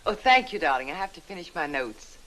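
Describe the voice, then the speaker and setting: A woman's voice: deep voice, very animated, a little fast, fairly bright tone, rough recording. A middle-aged actress playing a motherly, knowing American wife with a dry manner, in 1960s film acting.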